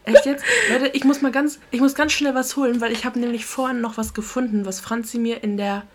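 A woman in her twenties co-hosting a podcast in casual chat, playful and teasing, quick to laugh. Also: fairly high pitch, steady tone, slight background noise. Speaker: podcast co-host.

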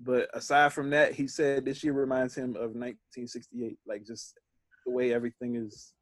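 A man co-hosting a podcast in casual chat. He talks in a rambling, halting way. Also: mid-range voice, level tone, no room sound. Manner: rambling, halting, with light laughs. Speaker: podcast co-host.

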